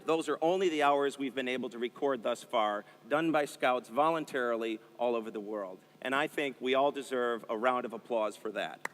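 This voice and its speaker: A man's voice: medium pitch, a bit bright. Male panel host, upbeat, encouraging, conference hall echo.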